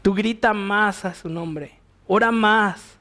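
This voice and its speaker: A man with a Mexican accent gives verse-by-verse Bible teaching from the pulpit. His voice sits high for a man. He keeps a conversational tone and often turns rhetorical questions toward his listeners. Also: slow, bright, forceful tone. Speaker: pastor.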